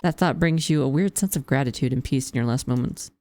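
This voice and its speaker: A woman's voice: extremely low pitch, a little fast, mellow. A woman game streamer reading visual novel narration aloud and adding casual commentary.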